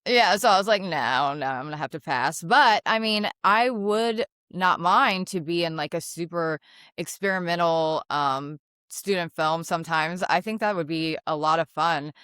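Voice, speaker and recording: A woman's voice: fairly low pitch, measured pace, fairly bright tone, smooth, no room sound, studio quality. A woman host chatting casually in an interview, laughing often and leaning on fillers as she talks. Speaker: interviewer and actress.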